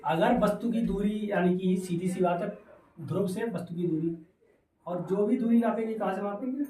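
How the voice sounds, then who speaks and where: A man's voice: high-pitched, normal speed, dark tone, distant mic. A male teacher giving a physics lesson, asking questions and answering them himself, mixing in English terms. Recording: echoey room, voice away from mic.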